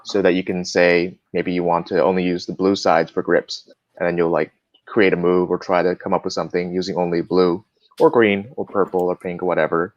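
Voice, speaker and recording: Dull, dry lo-fi audio carries a man's low, level voice at a fairly quick pace. He's a guest cardist on a live stream, explaining things in an easygoing, filler-heavy casual chat.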